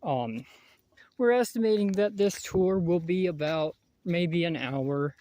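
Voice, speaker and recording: A young man giving a rambling, halting tour of a mountain hike outdoors, out of breath and filling pauses with many ums, talking into a handheld phone. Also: high voice, lively intonation, warm tone. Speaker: vlogger giving a hiking tour. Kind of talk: casual hiking vlog.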